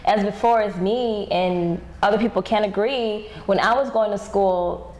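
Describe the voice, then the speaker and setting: A woman's voice: mid-range voice, a little slow, darkish tone, roomy sound. A woman from Zimbabwe co-hosting a talk show, speaking emphatically and laughing between points. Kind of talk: casual chat. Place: living-room studio set.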